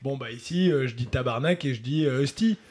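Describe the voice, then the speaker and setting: A man's voice: mid-range voice, fairly quick, darkish tone, slight background noise. A man in his thirties from France, co-hosting a podcast in casual banter and laughing often. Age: 30s. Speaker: podcast co-host. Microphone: own microphone.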